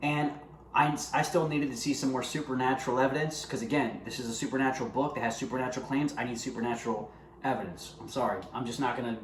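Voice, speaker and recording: A man's voice: medium pitch, fairly even intonation, fast, slight background noise. Earnest man giving testimony, roomy echo. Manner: earnest, conversational, addresses viewers directly. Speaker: vlogger sharing his faith. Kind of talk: personal testimony to camera. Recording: roomy echo with faint ambience.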